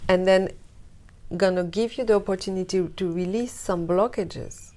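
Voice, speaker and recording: Here a wellness brand founder from Morocco is interviewed, her pitch sitting in the middle. She takes her time, stretching each phrase in a soft-spoken, deliberate way, and her final words fade out on a breath.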